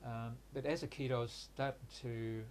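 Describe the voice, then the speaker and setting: Speaking in a mid-range, flat and even voice, a Hungarian-born man raised in Australia recounts his life in a reflective interview. He is in his sixties and his first language is Hungarian. His speech comes haltingly and hesitantly, broken by many pauses and restarts, against a slight hiss or hum.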